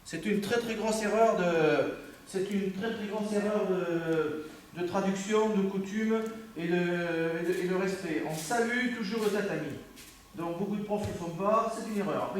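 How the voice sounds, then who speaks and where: A man's voice: high-pitched, moderate pace, a little hiss or hum. A man with a French accent coaching a student on a dojo mat, correcting and repeating himself. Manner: corrective, repeats himself, breaks off mid-phrase. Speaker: judo instructor. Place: judo dojo, indoors. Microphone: camera from across the room. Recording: very echoey room recorded from far off.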